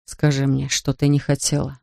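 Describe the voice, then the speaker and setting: A narrator voicing a grieving father who talks softly, slowly and tenderly to his daughter. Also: completely flat delivery, gravelly, dry recording, clean studio sound, natural voice. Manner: soft, low and slow, pleading. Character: grieving gentle father, a big man. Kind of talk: audiobook character voice.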